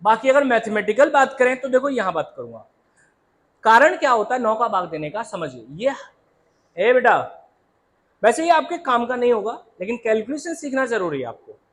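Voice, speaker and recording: A man teaching a math lesson in a classroom, lively and always asking the students to answer aloud, calling them "beta". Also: very high-pitched, moderate pace. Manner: calls students "beta" and "babu".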